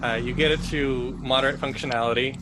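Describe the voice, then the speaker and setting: A man's voice: mid-range voice, steady tone, a little fast, noisy background. A young man narrating a tabletop game as game master, casual and hesitant with many fillers.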